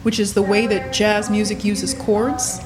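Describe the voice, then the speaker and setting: A woman's voice: mid-range voice, flat delivery, unhurried. A woman from Ethiopia in her forties, a musician answering interview questions in a reflective, storytelling way and laughing easily. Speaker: musician guest.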